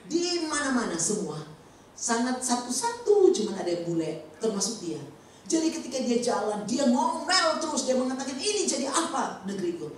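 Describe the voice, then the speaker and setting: Woman preacher, lively sermon delivery, recorded from a distance in a very echoey church hall with faint background noise. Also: a little high, moderate pace. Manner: animated, acts out quoted speech.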